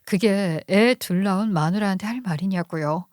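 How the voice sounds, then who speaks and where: A woman's voice: mid-range voice, normal speed, a little mellow, dry recording, clean studio sound. A woman narrating a first-person story script in a plain recounting tone.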